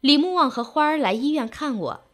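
A woman's voice: high-pitched, animated, fairly quick. A woman reading a sentimental story aloud in an emotive storytelling manner.

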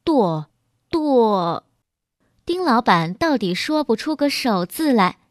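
A woman narrating a scripted story in a lively, expressive way. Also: on the high side, moderate pace, dry recording, studio quality.

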